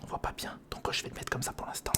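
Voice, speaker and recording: Using a close recorder or studio condenser microphone, an ASMR host whispers breathily near the mic and thinks aloud to the listener through a step-by-step build. The voice is fast with a sharp tone.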